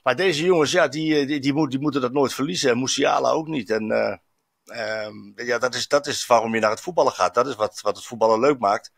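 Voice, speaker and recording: A man's voice: mid-range voice, brisk, creaky, no echo, clean studio sound. A man, a football journalist reporting from abroad, chatting reflectively with many fillers and restarts. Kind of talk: casual chat. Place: in Stuttgart, on location.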